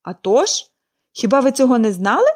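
A woman's voice: on the high side, sing-song, moderate pace, darkish tone. A woman voicing a cheerful, chatty young girl in an audiobook reading, gushing and eager.

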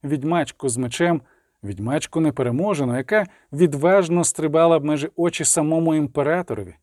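A man narrating an audiobook in a steady, measured storytelling voice. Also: on the high side, no room sound, studio quality. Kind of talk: scripted narration.

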